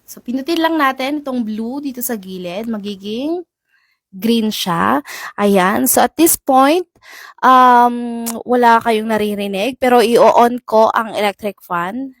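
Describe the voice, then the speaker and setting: A chatty woman vlogger talks straight to her viewers in an easy, casual way. Her voice sits a little high and the lapel mic sounds dry and close. She often calls out friendly hellos as she demonstrates the gear. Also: slow, no room sound. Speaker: vlogger reviewing a wireless mic. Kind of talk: casual product demo vlog. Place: home and outdoor yard. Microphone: wireless lapel mic.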